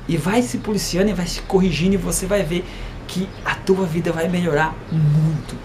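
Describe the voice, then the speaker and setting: A man's voice: sits high, steady tone, normal speed, noisy background. A man giving an informal devotional talk, chatty and plain, often tagging his sentences with a questioning aside. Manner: reads a verse, stumbles, rereads it. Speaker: lay preacher.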